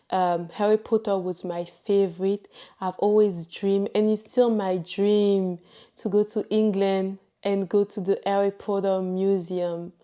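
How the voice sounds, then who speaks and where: Female vlogger, native French with Ivorian accent. Soft-edged warm tone, leisurely pace, casual personal testimony. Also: medium pitch, clean tone. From Ivory Coast.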